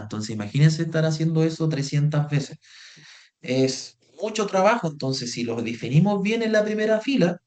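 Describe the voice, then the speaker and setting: A man's voice: a little high, a little mellow. Patient man teaching. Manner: patient, repeats phrases, calls students "chiquillos". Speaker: Excel workshop instructor. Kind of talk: online class explanation.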